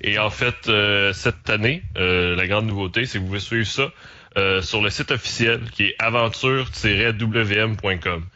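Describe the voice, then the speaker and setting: A man's voice: fairly low pitch, normal speed. A man, a guest in a casual podcast discussion, explaining things steadily. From Canada. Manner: steady explaining, repeats "donc en fait" and "exact". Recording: dull lo-fi sound.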